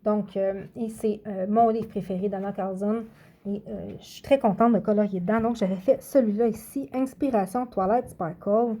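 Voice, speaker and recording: A woman's voice: mid-range voice, steady tone, normal speed, dark tone. A woman, vlogging casually to camera, chatty and hesitant as she hunts for words. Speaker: coloring channel vlogger. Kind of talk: casual vlog talk to camera.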